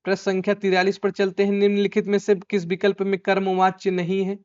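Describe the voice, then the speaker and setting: A male Hindi teacher works through an exam answer key, asking himself questions and repeating the answers back like a drill. His voice sits high with a darkish tone, and he speaks fairly quickly in a completely flat manner. The recording is dull and lo-fi.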